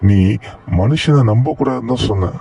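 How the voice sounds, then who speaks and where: A man voicing a calm, wise boy puppet who talks in a gentle, reassuring and somewhat preachy way, in a puppet show. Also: mid-range voice, normal speed, close to an everyday voice.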